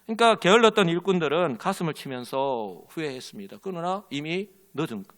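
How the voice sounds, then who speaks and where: A pastor with a fairly bright, expressive voice on the high side preaches a little fast. He tells an illustrative story with quoted characters and leads his congregation in call and response.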